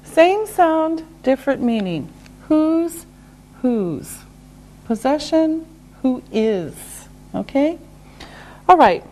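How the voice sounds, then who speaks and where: A woman teaching basic English, speaking slowly and clearly and repeating each example sentence. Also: high voice, big pitch swings, dark tone, a little hiss or hum. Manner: very slow, over-enunciated, repeats each example. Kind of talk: slow, deliberate ESL lesson.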